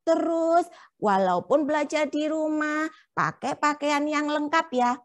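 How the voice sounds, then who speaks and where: Playful high-voiced young woman teacher. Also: measured pace. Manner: playful, coaxing, asks children questions. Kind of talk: children's puppet show lesson.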